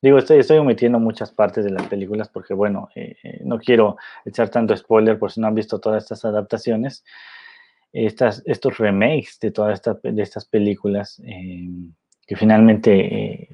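A man's voice: on the low side, fairly even intonation, normal speed, mellow, breathy edge. A man talking casually about films, rambling with many fillers and tag questions. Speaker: film commentator. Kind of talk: casual film commentary. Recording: dull lo-fi recording.

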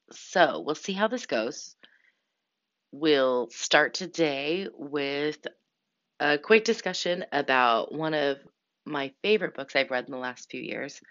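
A woman hosting her own podcast while sick, hoarse, chatting casually about books with frequent ums. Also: very deep voice, a bit bright, highs cut off. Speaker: podcast host. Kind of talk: casual book talk monologue.

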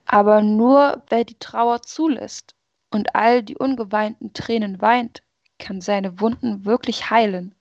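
A woman reading aloud as a sorrowful, rejected female personification of Sadness, in a slow and earnest way. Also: mid-range voice, fairly even intonation, dry recording, highs cut off, close to an everyday voice. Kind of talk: story reading.

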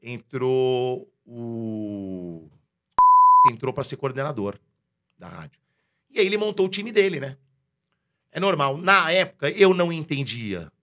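A man with a Brazilian accent, a radio announcer telling a story in a casual interview, slangy and lively, acting out the dialogue he recounts. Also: mid-range voice, measured pace, long pauses. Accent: Brazilian Portuguese.

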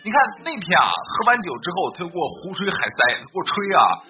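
A man's voice: sits high, wildly swooping pitch, quick pace. A man telling comic stories in a chatty way, talking to a sidekick and laughing at his own jokes, over a dull recording with music behind. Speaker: joke-telling host. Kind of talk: comic storytelling.

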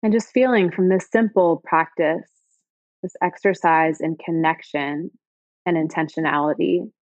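A woman leading a guided body-scan meditation in slow, soft, soothing phrases. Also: fairly low pitch, steady tone, no room sound, dull audio.

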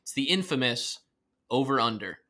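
Bright-voiced male podcast co-host. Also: medium pitch, expressive, moderate pace, faint music behind. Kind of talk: casual sports chat.

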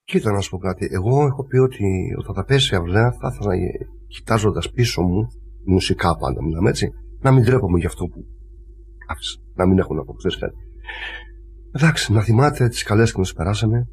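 A man from Crete with a lowish voice tells rambling family anecdotes, slipping into quoted voices. He speaks casually as the guest of an interview. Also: animated, a little mellow, slight background noise. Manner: rambling anecdotal storytelling with laughs. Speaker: lyra player, guest.

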